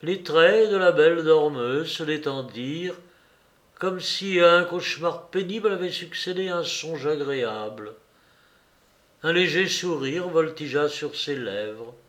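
Slow, measured male audiobook narrator. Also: a little high, fairly bright tone. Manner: measured, literary delivery. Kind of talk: audiobook reading of a classic novel.

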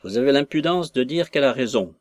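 A man playing a hot-tempered old father from a storybook, hurling indignant questions at his daughter. The voice sits at an ordinary middle pitch and is recorded dry and close. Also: lively intonation, fast talker, no echo, close to an everyday voice. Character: blustering, quarrelsome old country father.

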